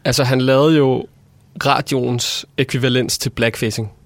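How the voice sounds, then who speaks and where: A male radio panelist with an average-pitched voice in a dry studio. He argues haltingly but stubbornly, circling back to his point. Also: fairly even intonation, dry recording. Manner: hesitant but insistent, repeats his point. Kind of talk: comic studio debate.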